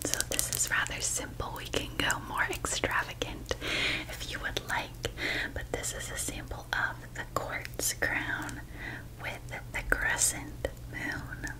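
A woman doing a whispered role-play as a gentle fairy designer attending to a customer, in a soft breathy voice. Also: a little slow, low-quality recording. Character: gentle female fairy designer showing customer clothes and crowns.

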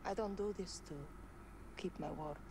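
A young woman rebel commander from a game cinematic, played by an actress, resolute and grave. She speaks with an Arabic accent in a measured way. Clear noise sits behind the voice. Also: on the low side, natural voice. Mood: firm. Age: young adult. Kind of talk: video game cinematic acting.

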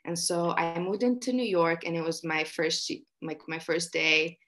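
A woman's voice: fairly low pitch, normal speed, a bit bright. A woman in her twenties from Egypt, a guest on a video-call interview, talking casually with lots of fillers. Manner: chatty, many fillers like "like". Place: small room indoors.

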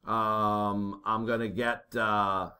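A navigation instructor, fairly low-pitched with a level tone, works a navigation calculation as a math lesson while talking over his writing. He sounds bright and a bit tense, thinking aloud with frequent fillers and quick "okay?" checks, and there's slight background noise.

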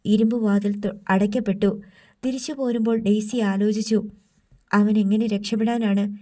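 A woman narrating a novel in a measured, even storytelling manner. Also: mid-range voice. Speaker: audiobook narrator. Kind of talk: scripted narration. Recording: slightly distant from mic.

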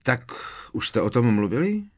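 A man's voice: lowish voice, lively intonation, darkish tone. A man voicing an eager, playful teenage twin boy in an audiobook. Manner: eager, joking.

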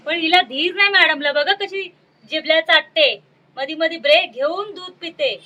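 A woman's voice: sits high, bright, forceful tone, rough recording. A middle-aged woman vlogging casually outdoors on an open ground, chatty and doting as she coos at her pet cat. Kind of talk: casual vlog chat.

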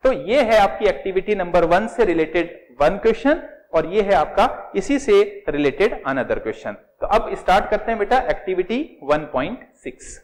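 A man's voice: high voice, very animated, normal speed, slight background noise. A middle-aged man with an Indian accent teaching chemistry step by step, asking questions and answering them himself, and calling his students "beta". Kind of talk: classroom lecture in Hindi with English terms.

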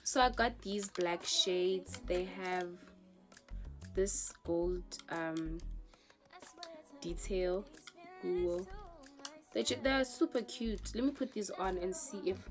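A young woman with a South African accent, chatting casually through a shopping haul in her bedroom, with drawn-out reactions and Zulu words mixed in. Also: fairly low pitch. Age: young adult. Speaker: vlogger. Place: bedroom, indoors. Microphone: camera in front of her. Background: music.

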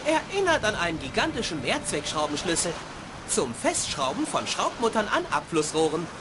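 A woman voicing a polite, naive young boy adventurer in a video game, innocent and expressive. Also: lowish voice, normal speed, background noise. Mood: relieved, musing.

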